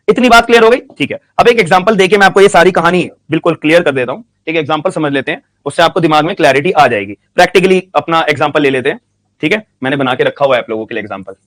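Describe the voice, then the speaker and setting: High-voiced man slowly dictating a law lesson. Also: fairly bright tone. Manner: slow dictation, repeats questions and answers, frequent "ठीक है" checks. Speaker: law teacher. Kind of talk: classroom lecture.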